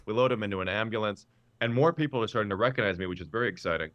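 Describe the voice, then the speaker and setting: A male comedian telling an animated anecdote quickly as a podcast guest. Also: lowish voice, no room sound, lo-fi sound. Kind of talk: storytelling.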